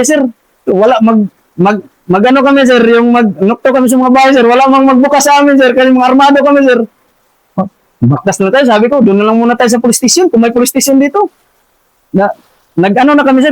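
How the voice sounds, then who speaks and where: A soldier telling his story haltingly, ending nearly every phrase with "sir". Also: very high voice, dry recording, rough recording. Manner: halting, with many restarts and repeated words. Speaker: army sergeant recounting his past as a rebel. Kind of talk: casual spoken testimony.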